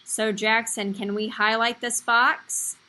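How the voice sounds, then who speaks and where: Young lady teacher on a video class, kids show host vibe, slow n bright, sings out the counting, super encouraging. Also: on the high side, level tone. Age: young adult. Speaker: primary school teacher. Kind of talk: live online lesson for young children. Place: small indoor room, video call. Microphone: computer mic on a video call.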